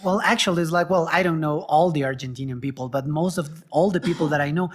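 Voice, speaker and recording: A woman's voice: deep voice, fast talker. Rambling woman. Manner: warm, rambling, hesitant restarts. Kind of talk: casual chat.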